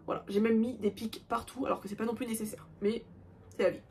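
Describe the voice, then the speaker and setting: A woman's voice: a little high, steady tone, fast talker, a little mellow, a little hiss or hum. A young woman in casual chat, showing her crochet projects with self-mocking asides and many fillers. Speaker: crochet vlogger.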